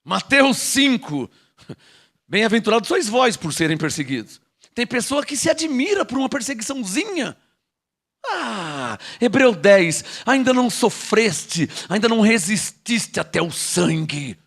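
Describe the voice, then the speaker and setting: A middle-aged man with a Brazilian Portuguese accent preaching a sermon, fervent, swinging between shouted lines and low asides. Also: sing-song, measured pace. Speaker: apostle preaching.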